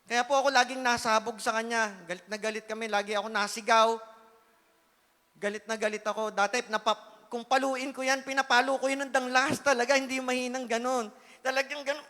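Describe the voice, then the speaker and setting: A man giving an earnest, emotional sermon testimony, swinging between loud pleading and hushed asides. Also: very high-pitched, fairly even intonation, fairly quick. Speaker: church speaker giving testimony. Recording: reverberant church hall.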